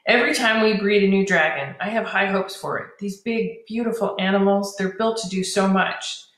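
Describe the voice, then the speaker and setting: A woman's voice: mid-range voice, normal speed, a bit bright, close to an everyday voice. A woman voicing an earnest, wistful young man who trains dragons, speaking in a heartfelt way, in a storybook reading. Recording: roomy echo.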